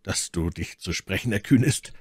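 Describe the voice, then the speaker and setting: A man voicing a phlegmatic musketeer who speaks quietly and measuredly. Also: deep voice, lively intonation, moderate pace, slightly rough, no echo, clean studio sound. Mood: hushed. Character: calm, phlegmatic older musketeer, low and hushed.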